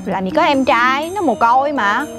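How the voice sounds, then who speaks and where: An actress playing a gossipy office worker, speaking with a Southern Vietnamese accent and a complaining manner. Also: female voice, high voice, expressive, normal speed. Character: gossipy middle-aged woman office worker. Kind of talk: comedy sketch acting. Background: faint background music.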